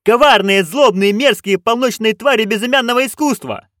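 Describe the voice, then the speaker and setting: A man doing nervous actors shouting as witches. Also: high voice, very animated, normal speed, no echo, studio quality, voice pushed up. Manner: shout their answers in chorus. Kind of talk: audiobook narration.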